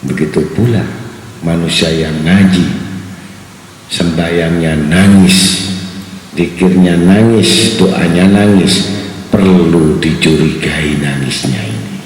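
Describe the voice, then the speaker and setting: A man delivers a sermon to a study gathering, asking his listeners one rhetorical question after another. His voice sits low and his delivery is unhurried. The recording is very echoey, with a long hall reverb and faint background noise. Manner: asks the audience repeated rhetorical questions. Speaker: preacher.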